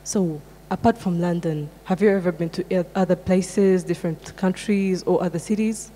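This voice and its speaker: Young woman acting as a show host in a sketch, fairly low voice, peppy questions. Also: fairly even intonation, moderate pace, warm tone, long reverb tail, a little hiss or hum. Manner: upbeat, interviewer-like questioning. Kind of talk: comedic stage sketch.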